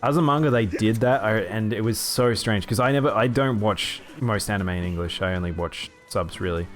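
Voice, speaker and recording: Man, mild Australian accent, casual streaming chat, lowish pitch. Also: a little fast, soft background music.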